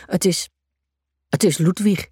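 A woman voicing a shy, lovesick little male pug in a storybook, soft and bashful. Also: lowish voice, slow pace, husky, dry recording, studio quality, heavily acted.

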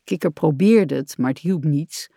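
A woman reading a children's story aloud in a calm, even storytelling voice. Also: low voice, normal speed, creaky, no room sound, studio quality.

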